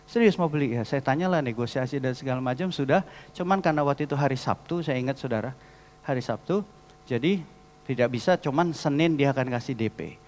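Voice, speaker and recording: A man preaching a storytelling sermon as a pastor, lively and often calling out to the congregation. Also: mid-range voice, brisk. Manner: lively, addresses the congregation as "saudara". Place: large church hall. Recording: long church hall reverb.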